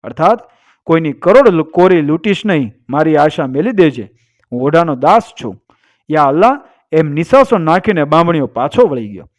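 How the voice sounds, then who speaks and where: A man tells an old heroic folk tale in a Gujarati accent, his voice set a little higher than most men's. He recites chanted couplets between stretches of narration and lifts his voice for the warriors' speeches. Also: normal speed. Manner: lively recitation, rising for quoted lines and chanted couplets. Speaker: storyteller.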